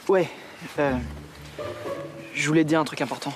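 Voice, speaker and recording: A young actor playing an awkward, sullen, lovesick schoolboy in a TV series, hesitant and dry. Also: male voice, on the high side, moderate pace, noisy background, lightly acted. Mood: nervous, hesitant. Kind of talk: live-action TV series acting.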